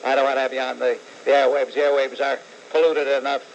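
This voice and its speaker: A man hosting a call-in radio show, blunt and combative, pausing often with "uh". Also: medium pitch, flat delivery, dull audio, slight background noise. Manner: blunt, combative, scolds callers; many "uh" pauses.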